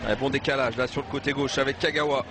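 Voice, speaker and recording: A man giving live football match commentary, with excited exclamations when play heats up. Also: medium pitch, fast talker, a crowd in the background. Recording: noisy live match broadcast.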